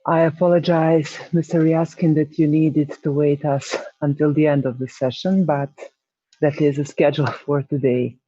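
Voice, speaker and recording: A man chairing an online conference session, speaking slowly and politely. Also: a little high, flat delivery, warm tone, no room sound, lo-fi sound. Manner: slow, polite and apologetic.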